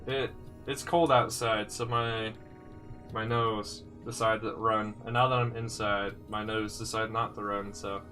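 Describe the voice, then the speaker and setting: Streaming live from his room with faint music in the background, a man chats casually while building sets, thinking aloud and replying to viewers' comments. His slightly congested voice sits fairly low and has a sharp tone. He keeps a measured pace with little pitch movement.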